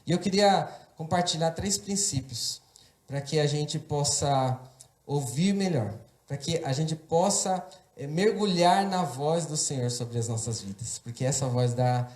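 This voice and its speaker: A man preaching a sermon as pastor, impassioned and building to forceful emphasis. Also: on the high side, unhurried, echoey room. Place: church.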